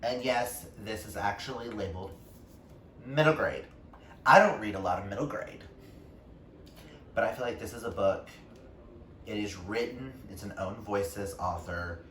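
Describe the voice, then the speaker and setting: A book reviewer on his vlog chats casually with viewers about books, gushing and emphatic. His lowish, fairly bright voice is unhurried with frequent pauses, and he sits far from the mic in an echoey room with faint background noise.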